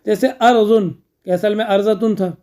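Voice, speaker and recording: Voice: mid-range voice, steady tone, normal speed, dark tone. Teacher patiently drilling grammar terms. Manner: repeats key terms, quizzes the listener, then answers; frequent checking fillers. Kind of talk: classroom lecture.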